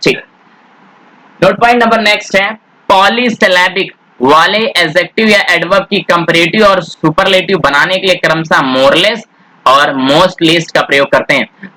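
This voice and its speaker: A man teaching English grammar, speaking Hindi mixed with English words in an Indian accent. He asks questions and then answers them himself, and he draws out the English words slowly. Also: high-pitched, bright, forceful tone, rough recording. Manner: addresses students as "beta", asks and answers his own questions. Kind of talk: classroom grammar lesson.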